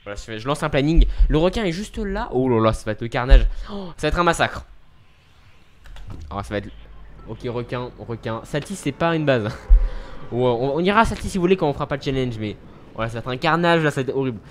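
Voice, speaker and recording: Young man, live game streamer, casual and self-deprecating, mid-pitched voice, faint background hiss. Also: expressive, fast. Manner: chatty, self-mocking, thanks viewers constantly.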